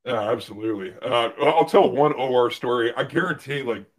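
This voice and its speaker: A young man, a guest on a livestream, telling a work story casually with lots of "like" and restarts, getting loud when he quotes someone. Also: mid-range voice, a little fast. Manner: animated storyteller, fillers and restarts, loud when quoting others. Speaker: guest, former medical device rep.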